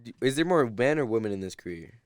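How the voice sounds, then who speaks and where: A man's voice: medium pitch, animated, darkish tone, no echo, studio quality. A teenage boy hosting a school podcast, asking questions casually and joking around. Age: teens. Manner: joking, quick questions, laughs often. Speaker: student podcast host. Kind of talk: casual interview.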